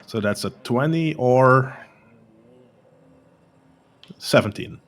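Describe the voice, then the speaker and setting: A man talking casually and haltingly as a player in a tabletop role-playing game. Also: medium pitch, soft background music. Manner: hesitant, halting.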